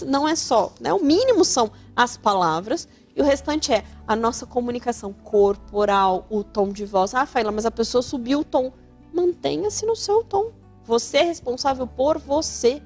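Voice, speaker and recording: A woman with a Brazilian Portuguese accent hosting an advice talk show, speaking animatedly and acting out the voices she quotes. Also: on the high side. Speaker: radio host giving family advice.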